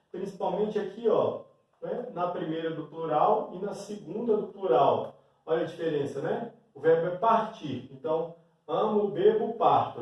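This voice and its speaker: A man's voice: high voice, a little mellow. A male teacher giving a grammar lesson at a board with a Brazilian Portuguese accent, often checking in with a questioning "né?". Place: classroom with a board. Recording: very echoey room, mic far away.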